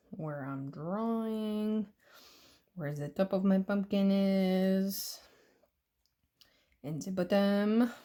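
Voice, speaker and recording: A woman's voice: fairly low pitch, dark tone. A Canadian woman hosting a nail art tutorial, chatting casually and playfully with jokes and silly sounds. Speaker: nail art channel host.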